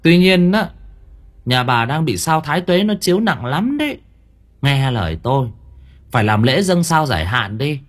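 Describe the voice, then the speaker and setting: A man's voice: on the high side, very animated, normal speed, pitched above the performer's own voice. A man voicing an elderly village woman who performs rituals, speaking with stern authority. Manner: authoritative, advising.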